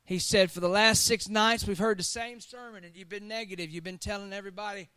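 A man preaching a sermon, calling out to his congregation and swinging between loud emphatic peaks and quiet storytelling. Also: high-pitched, fairly even intonation, fairly quick, clear, resonant tone, dry recording. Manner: preaching with call-and-response to the congregation. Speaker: pastor.

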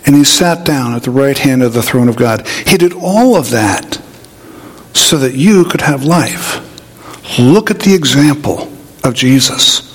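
A man preaching a sermon, an animated storyteller who acts out voices in his anecdotes. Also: medium pitch, measured pace, slightly rough. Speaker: pastor. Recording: hall reverb.

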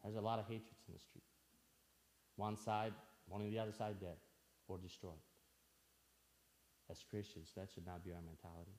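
A man's voice: deep voice, level tone, moderate pace, pauses often, darkish tone. A man from Albania preaching a sermon in church, earnest, asking the listeners questions and repeating phrases for emphasis.

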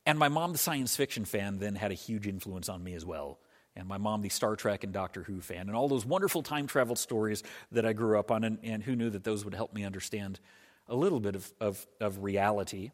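A man's voice: on the low side, brisk. A man preaching a conversational sermon as pastor, explaining things patiently and often restarting his phrases. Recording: reverberant hall sound.

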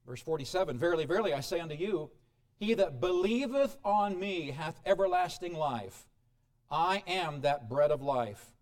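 A man preaching a sermon, reading scripture aloud and explaining it with dramatic swings in loudness and frequent chuckles. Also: expressive, normal speed. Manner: dramatic shifts in pitch and volume, chuckles often.

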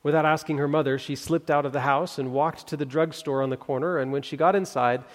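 A man preaching a sermon, reading scripture and telling a story in an earnest, building way with pauses for emphasis. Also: on the high side, steady tone. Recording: long hall reverb.

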